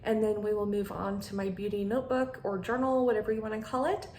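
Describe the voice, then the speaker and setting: A woman's voice: mid-range voice, level tone, quick pace, a little mellow. A woman chatting casually to her viewers as a vlogger, with a slight lisp from wearing a retainer. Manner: friendly rambling chat addressed to viewers. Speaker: beauty vlogger and channel host. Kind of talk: casual chatty sit-down vlog. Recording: echoey room with clear background noise.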